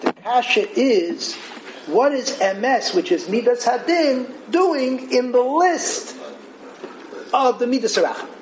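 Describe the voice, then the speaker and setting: High-voiced man teaching a Torah class. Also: takes it slowly, slight background noise, rough recording. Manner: animated, singsong over Hebrew quotes. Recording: crowd audible behind him.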